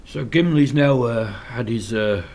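At a measured pace and medium pitch, a man from Scotland with a slight cold casually walks through a miniature painting tutorial at his hobby desk. He sounds relaxed, though hesitant, peppering his speech with ums and uhs.

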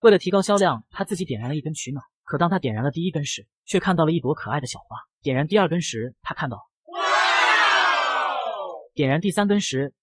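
A man narrating a comic story recap in a brisk, wisecracking way. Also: fairly high pitch, lively intonation, some chatter behind, a little hiss or hum.

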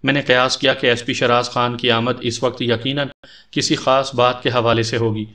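A man's voice: mid-range voice, flat delivery, bright, forceful tone. A man reading an audio story aloud as its narrator, speaking the characters' lines in his own voice. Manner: reads all the characters' dialogue in his own voice.

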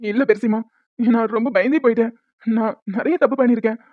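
A young cartoon husband full of pleading devotion who also turns curt and strict at work, as a woman voices him. He talks quickly in a fairly high voice. The sound is thin and phone-like, with a dry close feel. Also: steady tone, no echo, close to an everyday voice. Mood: pleading, tender. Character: lovestruck young husband, later a stern college head. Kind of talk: cartoon voice dubbing.

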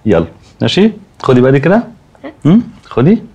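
An actor with an Egyptian accent playing a young, affectionate older brother who jokes and scolds playfully in a TV drama. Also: male voice, mid-range voice, huge pitch swings, fairly quick, dark tone, breathy edge, muffled recording, exaggerated voice. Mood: teasing. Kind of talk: TV drama acting.

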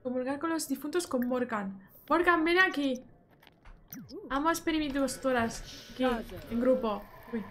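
Her voice is high and her pace moderate as she plays a life-sim game on stream, reading the game text out loud and saying hello to people in chat. Casual and excitable, she lets out a shriek whenever something startles her.

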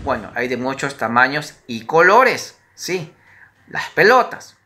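A woman's voice: very deep voice, very animated, slow pace, bright, forceful tone. A woman teacher giving a recorded lesson to young children, chatty and patient, asking questions and having them repeat words after her.

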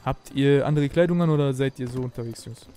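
A young man streaming a roleplay game, talking in a foul-mouthed, excitable, slangy way into a desk microphone. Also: medium pitch, fast, slight background noise. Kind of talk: live gaming stream with in-character roleplay. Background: music playing under the voice.

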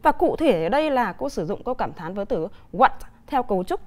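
Vietnamese-accented woman teacher, bright high register, patient televised lesson delivery. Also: big pitch swings. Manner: clear, deliberate explaining with examples. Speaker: English teacher.

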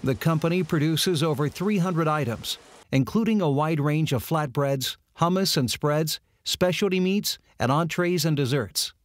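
A man reading scripted narration in a polished, even delivery. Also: fairly high pitch, normal speed, dry recording.

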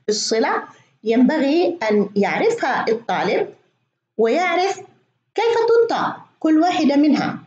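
A woman giving a spoken lecture, explaining with many examples and often pausing with fillers. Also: high voice, darkish tone. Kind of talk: spoken lecture on reading and spelling. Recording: echoey, dull lo-fi room recording.

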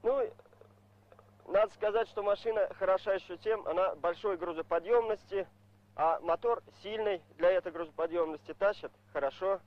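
A male truck driver in an on-camera interview, speaking plainly in halting, simple phrases. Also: sits high. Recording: muffled old film soundtrack.

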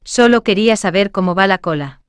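A woman reading short everyday phrases aloud in a clear, measured way, saying each one twice for learners. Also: mid-range voice, lively intonation, no room sound, studio quality. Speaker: Spanish phrase reader. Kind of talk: slow repeated phrase reading.

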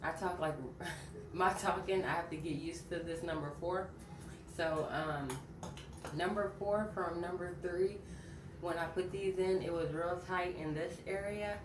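A woman chatting casually in a vlog update, halting with fillers as she talks with dental aligners in. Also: on the low side, fairly even intonation. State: talking with aligners in. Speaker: vlogger. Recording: echoey room, mic far off, audible noise.

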